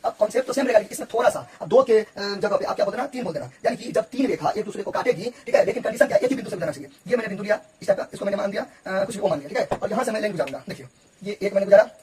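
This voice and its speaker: A man teaching geometry in with terms, explaining quickly and repeating himself as he checks that the listener follows. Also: high voice, animated, noisy background. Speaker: math teacher.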